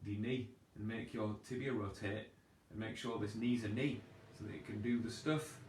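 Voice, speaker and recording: Rambling trainer, echoey room. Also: male voice, on the low side, fairly even intonation, moderate pace, a little mellow. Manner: rambling, chatty and self-deprecating. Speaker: personal trainer. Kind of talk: casual live Q&A advice. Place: at home on a sofa. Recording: echoey room, distant from mic, faint background noise.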